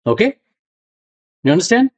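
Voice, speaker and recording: A middle-aged Punjabi man with a Punjabi accent delivers a university classroom lecture, explaining ideas step by step and checking in with his students. His voice is high-pitched and sing-song, a little mellow, at a normal speed.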